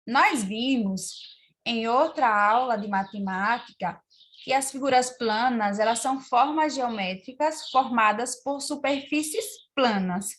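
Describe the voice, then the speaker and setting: A woman's voice: high-pitched, echoey room. A woman primary school teacher with a Brazilian Portuguese accent, giving a patient remote lesson to young children and counting and spelling words aloud.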